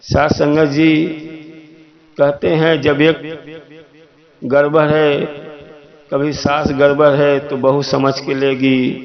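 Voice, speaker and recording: A man telling a moral story to a devotional congregation in a plain, unhurried way. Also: medium pitch, highs cut off.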